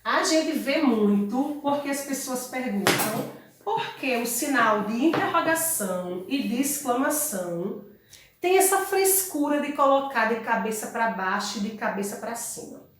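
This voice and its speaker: Woman, teacher explaining a lesson, fairly high voice, very echoey room. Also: animated, measured pace, slight background noise. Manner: explanatory, checks in with tags like "ok?" and "tá?". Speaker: Spanish teacher. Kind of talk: online class lecture. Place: room at home.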